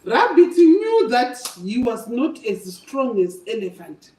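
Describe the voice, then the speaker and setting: Slow and sing-song, a mellow, slightly high female voice carries an animated story for children. The older speaker is emphatic and teacherly and repeats herself often. Her distant microphone picks up the echo of the room.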